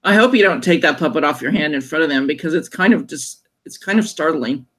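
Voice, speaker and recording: A woman's voice: low voice, expressive, fairly quick, very noisy. A woman chatting on a live video call, playful and giggly, teasing the host. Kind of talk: casual live-stream chat.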